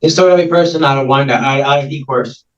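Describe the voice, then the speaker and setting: A male defendant answers the court in quick, stammering bursts, on the defensive. He sits far from the mic, so his voice comes through muffled and dull. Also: medium pitch. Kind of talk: courtroom exchange.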